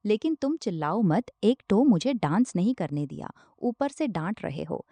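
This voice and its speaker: A woman's voice: mid-range voice, very animated, normal speed, dark tone, no room sound. A woman voicing a tipsy young woman who talks in a whiny, petulant way in a storybook reading.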